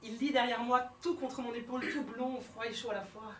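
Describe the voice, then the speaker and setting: A woman comedian performing a one-woman stage show, telling her story theatrically and swinging between hushed and shouted lines. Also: a little high, fairly even intonation, fairly quick, a little hiss or hum. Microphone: fixed camera from the hall. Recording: roomy hall sound from far off.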